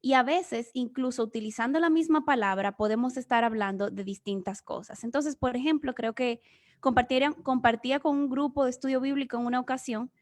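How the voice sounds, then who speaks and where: Speaking a little fast in a high voice, a woman from the Dominican Republic delivers a guest Bible teaching through a remote video session. She explains things earnestly in a Dominican Spanish accent.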